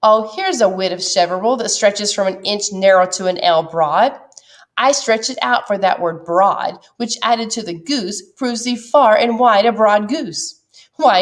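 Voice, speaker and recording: A woman reading every part of a play aloud and stopping to explain it to students. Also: medium pitch. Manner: reads every part herself, shifting between characters. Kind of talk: dramatic reading with commentary.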